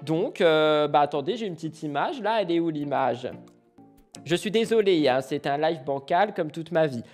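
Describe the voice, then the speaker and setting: A woman hosting a live stream, commenting with animated, mocking and exaggerated reactions. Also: low-pitched, normal speed, faint music behind. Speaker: streamer host.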